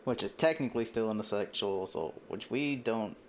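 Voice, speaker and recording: A man's voice: fairly low pitch, brisk, a little hiss or hum. A young man casually chatting and joking with friends while playing and voicing a story game. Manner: joking, profane, voices game dialogue. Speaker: game streamer.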